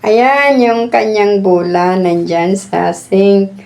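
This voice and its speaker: A woman's voice: mid-range voice, fairly even intonation, takes it slowly, a little mellow. A woman filming her dog at home on a phone, talking to it in a coaxing, questioning sing-song and explaining to the viewer. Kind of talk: casual talk to a pet and camera. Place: home indoors.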